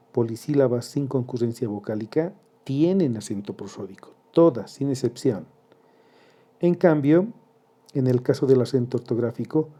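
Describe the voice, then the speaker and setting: A man teaching a grammar lesson, slow and deliberate, spelling out syllables one by one. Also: medium pitch, warm tone.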